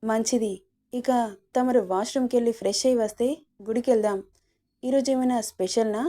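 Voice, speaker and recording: A woman's voice: on the high side, steady tone, moderate pace, mellow, lightly acted. A woman voicing a scolding but affectionate young wife in a storybook reading, exasperated and pleading.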